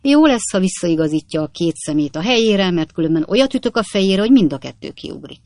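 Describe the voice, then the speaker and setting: A man voicing a blunt young male servant who talks loud and threatening. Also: fairly high pitch, lively intonation, no room sound, lightly acted. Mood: gruff.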